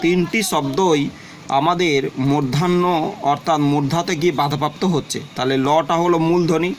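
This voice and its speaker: A man teaching a twelfth-grade grammar lesson, who explains slowly and says example words and definitions more than once. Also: fairly high pitch, a little hiss or hum. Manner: explains slowly, repeats example words and definitions, often tells students to look.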